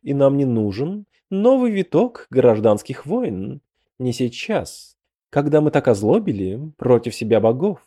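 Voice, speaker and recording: A man voicing a calm woman ruler who speaks quietly and reasons with the others. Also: mid-range voice. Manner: quiet, measured.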